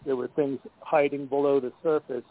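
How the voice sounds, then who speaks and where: A man speaking candidly on a conference call line that keeps cutting out, halting and restarting his words. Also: medium pitch, level tone. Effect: conference call line that keeps breaking up. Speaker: guest. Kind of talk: candid personal talk. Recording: tinny phone line.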